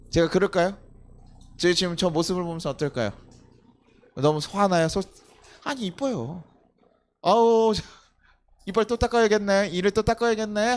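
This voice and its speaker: A young man preaching at a night service as pastor, talking with the congregation, asking rhetorical questions and sometimes acting out scolding a child. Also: high-pitched. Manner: acts out scolding a child with loud outbursts. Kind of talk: sermon.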